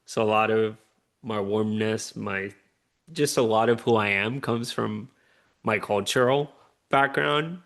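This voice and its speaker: A man's voice: lowish voice, fairly even intonation, measured pace, vocal fry, fairly bright tone. A man, an earnest, upbeat interview guest who often checks in with "right?". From Puerto Rico. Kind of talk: conversational interview.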